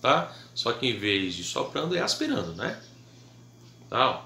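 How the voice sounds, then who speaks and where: A man's voice: mid-range voice, huge pitch swings, unhurried, vocal fry, bright, forceful tone, echoey room, a little hiss or hum. A man with a Brazilian Portuguese accent teaching a harmonica lesson in a patient, casual way, often checking in with his students.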